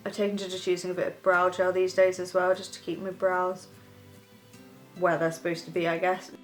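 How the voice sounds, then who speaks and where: In her bedroom, perched on her bed, a young woman vlogs a chatty get-ready-with-me makeup tutorial over faint music. She speaks briskly in a lowish voice with little pitch movement, rambling casually as she puts on her makeup.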